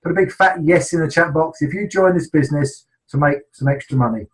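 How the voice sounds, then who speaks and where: A man's voice: on the high side, a little fast, low-quality recording. A middle-aged man with an English accent, hosting a team sales webinar in a casual, enthusiastic way with many ums and restarts.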